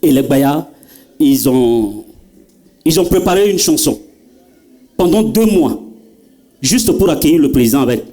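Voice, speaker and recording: Lively high-voiced comedian. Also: male voice, measured pace, long pauses. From Central African Republic. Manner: animated storytelling, addresses the audience directly. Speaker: stand-up comedian. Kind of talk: stand-up comedy.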